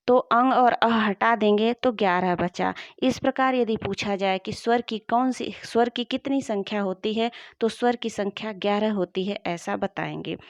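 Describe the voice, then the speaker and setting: A woman teacher walks through a grammar lesson at a steady, patient pace, repeating every point so students can follow. She is recorded up close in a dry room, and the sound is dull and slightly muffled. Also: medium pitch, no room sound.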